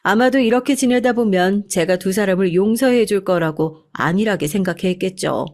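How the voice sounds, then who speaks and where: A woman narrating a scripted family drama story in a steady, even storytelling manner. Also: mid-range voice, normal speed.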